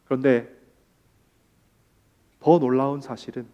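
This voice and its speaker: A man preaching a sermon as pastor, who moves between hushed, slow emphasis and loud, impassioned pleading. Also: medium pitch, fairly even intonation, lo-fi sound.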